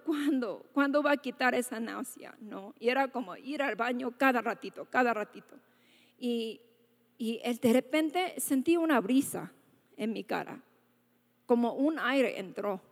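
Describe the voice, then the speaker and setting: Woman, high voice, testimony sermon, earnest, conversational, long hall reverb. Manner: earnest and conversational, with frequent tag questions. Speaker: church speaker giving a testimony.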